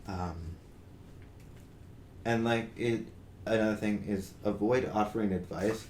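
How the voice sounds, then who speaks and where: Young guy on a podcast, kinda low voice, lots of ums and restarts, echoey room w faint hiss. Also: steady tone, a little slow, darkish tone. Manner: hesitant, many fillers and restarts, earnest. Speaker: podcast co-host. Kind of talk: casual discussion. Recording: roomy with faint noise.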